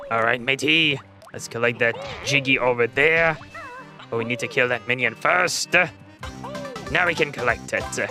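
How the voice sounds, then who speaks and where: A man doing a put-on pirate voice while commenting on gameplay, rude and boastful, calling the listener matey. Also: medium pitch. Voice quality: gravelly, strained throat. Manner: insults objects, calls listener matey. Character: gruff grown male pirate, rude and boastful.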